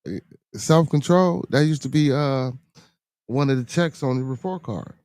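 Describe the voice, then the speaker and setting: Hosting a podcast livestream, a middle-aged man with a Chicago accent reads the chat aloud, talking loosely and profanely, laughing a lot and repeating himself for effect. His mid-range voice is a little mellow and moves at a moderate pace, in a clean studio recording with no room sound.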